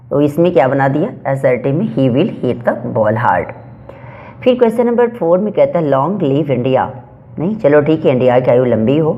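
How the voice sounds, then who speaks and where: A male teacher leads a grammar lesson at an unhurried classroom pace. He reads each example sentence out slowly and deliberately, then explains it step by step. Along the way he poses questions to his students and answers them himself. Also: mid-range voice, dull audio.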